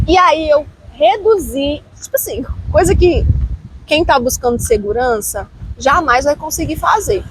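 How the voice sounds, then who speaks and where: High-voiced Brazilian woman telling her story. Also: a little hiss or hum, low-quality recording. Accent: Brazilian Portuguese. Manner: expressive, animated storyteller who acts out her own past thoughts. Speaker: psychologist, podcast guest. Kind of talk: casual interview chat, personal storytelling.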